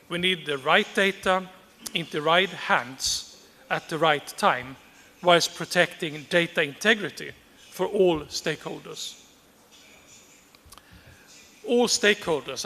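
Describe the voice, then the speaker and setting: Male conference speaker, formal prepared speech, measured and emphatic, bright tone, long reverb on the voice. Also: on the high side. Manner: measured, deliberate, repeats key phrases for emphasis.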